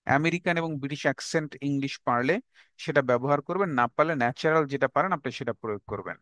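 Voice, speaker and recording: A man with a Bangladeshi accent teaching an online English class, who says English phrases slowly and repeats them before explaining. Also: medium pitch, fairly bright tone, no echo.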